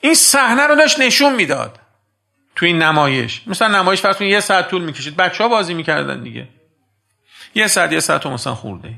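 Bright, gravelly male preacher. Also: high-pitched, sing-song. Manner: storytelling, swinging between hushed and emphatic; addresses listeners as dear friends. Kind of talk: sermon.

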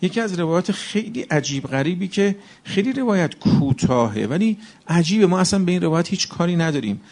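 A man delivers a passionate sermon with a slightly high voice roughened by gravel. He keeps pressing his listeners with rhetorical questions, his tone earnest and insistent. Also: animated, a little mellow. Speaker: preacher. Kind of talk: religious sermon.

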